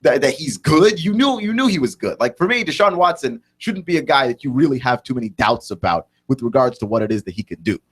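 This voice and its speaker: A young man in his twenties talks through football topics on a radio show. He rambles and restarts often, tagging his points with quick asides as he works out his opinions live. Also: medium pitch, lively intonation, slightly rough. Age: 20s. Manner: rambling, thinks aloud with many restarts and "like, right?" tags. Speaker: sports radio host. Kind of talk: solo sports talk radio monologue.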